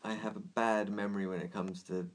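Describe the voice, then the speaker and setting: Male podcast co-host, easygoing, hesitant delivery, slightly low voice. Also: level tone, heavy background noise. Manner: laid-back, halting, quick to laugh. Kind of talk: casual chat.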